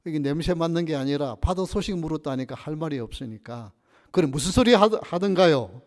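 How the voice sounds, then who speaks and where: A man voicing a gruff, hot-tempered male fish shop owner who snaps curtly, in a reverberant church. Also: fairly high pitch, brisk, natural voice. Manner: shouting, curt.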